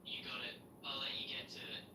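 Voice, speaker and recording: A man's voice: medium pitch, monotone, a little fast, whispered. A man's synthetic voice with a British accent, answering as a chatty, agreeable AI assistant. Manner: upbeat, agreeable, eager to please. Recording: roomy, distant, noisy.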